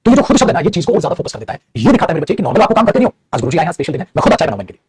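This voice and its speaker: A man's voice: high-pitched, big pitch swings, very fast, very noisy. A man teaching English grammar in an online class, calling his students "beta" and acting out their replies himself. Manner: calls students beta and mere bachche, acts out student replies.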